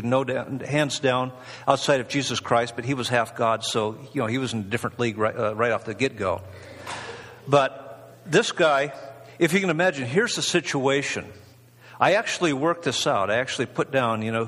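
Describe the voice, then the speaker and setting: Male preacher, husky mid-pitched voice, casual rambling delivery, long hall echo. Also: steady tone, normal speed, fairly bright tone. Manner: rambling, conversational, many fillers and restarts. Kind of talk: informal sermon.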